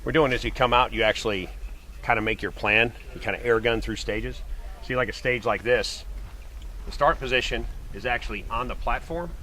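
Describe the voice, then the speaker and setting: A man's voice: medium pitch, normal speed, sharp tone. Man explaining a stage outdoors, noisy audio. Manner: matter-of-fact, explanatory, counts out shot sequences. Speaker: competitive pistol shooter and vlogger. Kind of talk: casual on-location walkthrough. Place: outdoor shooting range.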